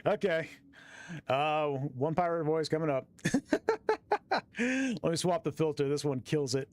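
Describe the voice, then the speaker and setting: A man chatting casually with his viewers while streaming a game, easygoing and quick to laugh. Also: fairly high pitch, lively intonation. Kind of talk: casual live-stream chat while gaming.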